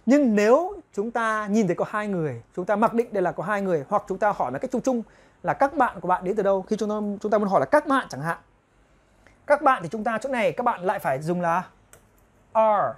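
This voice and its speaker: A woman teacher walks her viewers through a grammar lesson at an even, middle pitch. She slows way down to drill each example phrase, repeats it several times, and keeps checking in with the viewers. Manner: explains step by step, often asking the viewers "right?". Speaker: English teacher.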